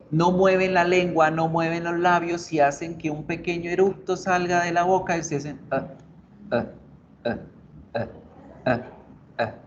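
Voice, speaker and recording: A man teaching an online English class, explaining slowly and patiently and repeating model words over a video-call mic. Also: sits high. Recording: slightly dull lo-fi sound with faint noise.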